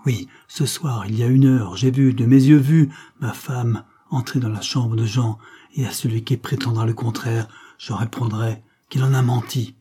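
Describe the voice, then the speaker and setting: A man's voice: mid-range voice, steady tone, normal speed, dark tone, slightly rough, natural voice. A man voicing a cowardly, scheming young nobleman who pleads and then turns defiant, read in a storybook. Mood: insistent.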